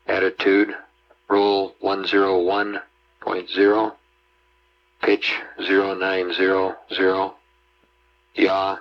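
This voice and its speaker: American male, space-mission radio communicator. Low, flat delivery, measured read-outs, dull lo-fi archival transmission. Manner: clipped, measured, reading out figures digit by digit. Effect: space mission radio link. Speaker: mission control capsule communicator. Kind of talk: astronaut radio talk, procedural read-out.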